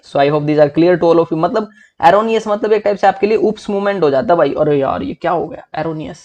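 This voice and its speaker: A young man teaching English vocabulary for exams in a lively, chatty way, often calling his listeners "bhai". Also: sits high, normal speed, highs cut off. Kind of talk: exam-prep vocabulary lesson.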